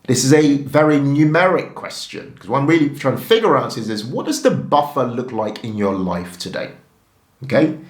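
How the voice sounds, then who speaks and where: A man's voice: medium pitch, roomy sound. A man, a personal finance YouTuber, coaching his viewers straight to camera in an emphatic way and checking in with them often. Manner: emphatic, animated, keeps checking in with "okay?". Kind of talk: direct-to-camera coaching talk.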